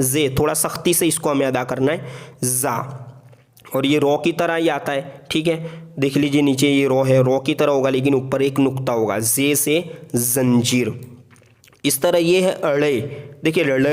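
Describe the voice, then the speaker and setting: A man teaching the alphabet in a patient voice-over lesson, repeating each letter slowly and checking in often. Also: medium pitch, steady tone. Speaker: Urdu teacher.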